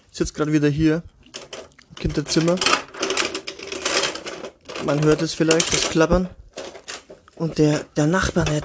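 With background noise audible, a man whose voice sits on the high side grumbles crudely and sarcastically to listeners. He's a father running a casual podcast from his child's bedroom on a single home microphone.

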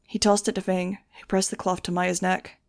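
A woman reads a fan-fiction audiobook in a steady, even voice. Her tone is low-set and gravelly, with a flat melody. The sound is close and dry. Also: normal speed, no room sound. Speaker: audiobook reader.

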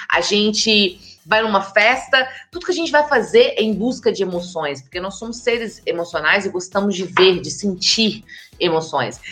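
A woman presents a talk on body language with lively emphasis. Her voice sits at an ordinary middle pitch for a woman. Faint music plays behind her. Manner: lively, emphatic, speaks straight to the audience. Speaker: communication and body language trainer. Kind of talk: expressive presentation lecture. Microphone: camera with slides, hands in frame.

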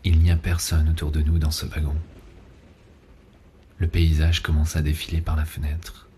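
A man playing a seductive, ardent lover in an ASMR role-play, murmuring slowly and breathily, right in the listener's ear. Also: a bass voice, monotone, mellow, slight background noise. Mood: sensual, slow. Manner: slow, intimate, breathy murmur close to the ear. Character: seductive male lover on a night train, intimate and ardent. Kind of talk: ASMR role-play, erotic audio narration.

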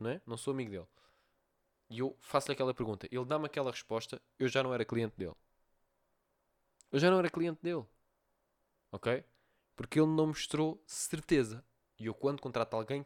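A man's voice: mid-range voice, a little mellow. Portuguese man hosting a solo podcast. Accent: European Portuguese. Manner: repetitive, checks in with listeners often. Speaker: podcast host. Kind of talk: solo podcast advice talk.

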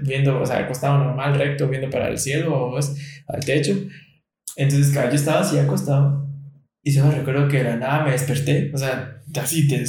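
Man telling stories in an echoey room. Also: medium pitch. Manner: animated storyteller, laughs often, keeps checking in with "¿vos?". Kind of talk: casual chat, telling a personal story.

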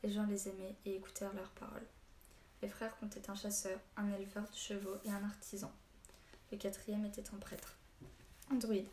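A woman's voice: mid-range voice, monotone, moderate pace, warm tone, close to an everyday voice. Maugris, a woman reading a stern old hermit. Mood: grave. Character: old male hermit storyteller, stern and short-tempered. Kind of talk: audiobook reading. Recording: echoey room, faint hiss.

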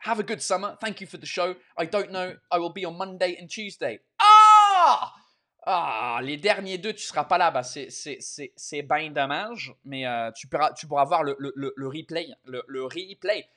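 Man live-streaming in halting, mixed French. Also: on the high side, a bit bright. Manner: switches between French and English mid-speech; halting, word-searching French with repeated words. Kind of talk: casual live chat reading out viewer messages.

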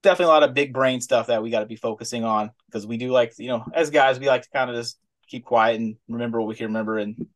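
A man's voice: mid-range voice, quick pace. A man co-hosting a podcast in casual chat, rambling and full of "like" and "you know". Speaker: podcast co-host.

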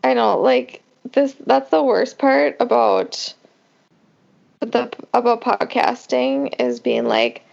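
A woman's voice: a little high, lively intonation, takes it slowly, gravelly, darkish tone, lo-fi sound. A woman co-hosting a podcast in casual, upbeat chat. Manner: chatty and upbeat. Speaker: podcast co-host.

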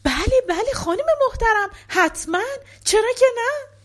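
A woman voicing a poor, humble young shepherd who speaks softly and sadly in a folktale reading. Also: extremely high pitch, expressive, pitched above the performer's own voice. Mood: overjoyed. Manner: soft and sad.

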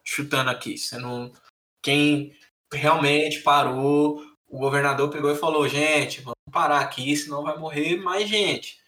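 A man's voice: fairly high pitch, fairly even intonation, measured pace, pushed and bright. A young Brazilian man with a Brazilian Portuguese accent, co-hosting a casual chat in a slangy, rambling way. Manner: slangy, rambling, lots of filler. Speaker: podcast co-host.

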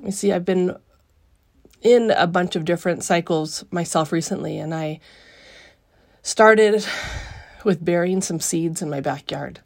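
A woman hosts a reflective solo podcast recorded live in a small rock cave, musing aloud with frequent pauses mid-phrase. Her voice is lowish.

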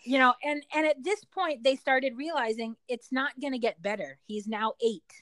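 A woman's voice: high-pitched, moderate pace, fairly bright tone, no echo. A middle-aged woman telling personal stories as a parent in an interview, talkative and explanatory, repeating words for emphasis. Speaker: parent interviewed about their child. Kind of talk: personal storytelling in conversation.

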